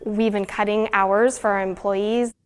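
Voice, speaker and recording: Woman, shop owner, interview clip, worried, halting speech. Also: mid-range voice, level tone, smooth.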